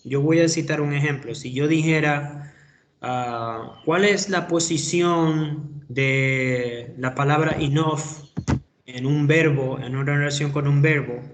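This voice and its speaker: In an online class, a middle-aged man who teaches English and has an Ecuadorian Spanish accent gives his students feedback in a slightly high voice. He explains slowly, hesitating often.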